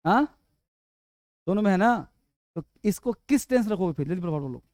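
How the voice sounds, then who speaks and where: A man teaching English grammar, quizzing students and urging them to answer fast. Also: sits high, animated, a little mellow, dry recording. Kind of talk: classroom lesson.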